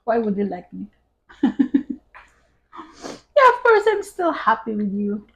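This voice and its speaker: Woman, slightly high voice, chatty mukbang co-host, laughs a lot, trails off quietly. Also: sing-song, slow. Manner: chatty, laughs often, voice trails off softly at phrase ends. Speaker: wife and vlog co-host. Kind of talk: casual mukbang chat while eating.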